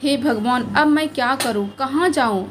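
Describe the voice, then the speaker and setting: A woman's voice: sits high, normal speed, slight background noise, close to an everyday voice. A woman voicing a spoiled young married woman who complains and pleads in a spoken story. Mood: upset.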